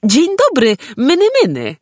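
A woman voicing a small, cheerful male storybook creature who calls out eagerly in a high voice. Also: very animated, a little slow, dry recording, clean studio sound. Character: small cheerful male Pampiludek, curious and kind.

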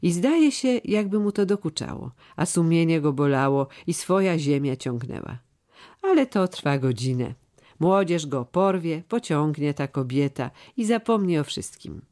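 A man's voice: fairly high pitch, animated, moderate pace, a little mellow, close to an everyday voice. A man reading the part of a homesick young male servant who talks in a pleading, heartfelt way. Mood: longing, pleading. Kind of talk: audiobook character reading.

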